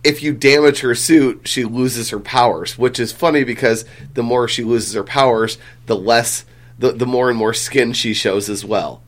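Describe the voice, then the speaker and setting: A man's voice: mid-range voice, fairly even intonation, normal speed. A man hosting a casual podcast chat, rambling with lots of fillers and the odd swear. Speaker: comic book podcast host.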